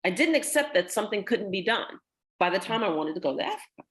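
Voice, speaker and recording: A guest with a medium-pitched voice talks fast as she tells her story conversationally. She's animated, acting out the dialogue of the people she quotes.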